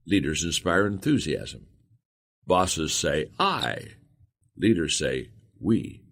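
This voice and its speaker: A man narrates a nonfiction audiobook in a very deep voice. His intonation swings widely as he leans on contrasts and key words. The reading stays expressive and emphatic throughout.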